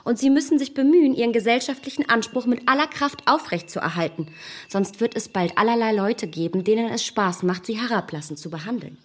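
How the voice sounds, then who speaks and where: In a radio play, an actress voices a proud, snobbish young gentlewoman, poised, condescending, and emphatic. Her fairly high voice is brisk with lively intonation, and her mood is haughty and admonishing.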